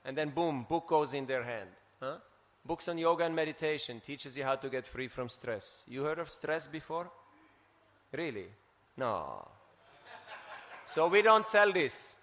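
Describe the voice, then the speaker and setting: A man from Switzerland giving a scripture class, telling stories in an animated way and tagging his points with "huh?". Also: a little high, unhurried, long reverb tail, slight background noise. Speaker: preacher. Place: temple hall.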